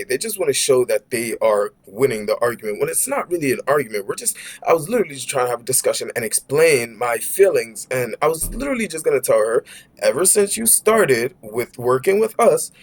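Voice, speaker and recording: Young New York guy rambling through a story. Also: a little high. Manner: rambling, heavy use of "like", "bro" and "right?"; animated, frequent restarts. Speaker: vlogger. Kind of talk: casual storytime monologue.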